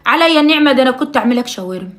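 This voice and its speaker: A woman's voice: high-pitched, expressive, very fast. An Egyptian woman playing a mother in a comic family video. She coaxes and scolds her son, swears oaths and piles on endearments. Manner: pleading and scolding by turns, with swearing oaths and loud bursts of exasperation; affectionate endearments, often dropping to a hushed, half-whispered tone.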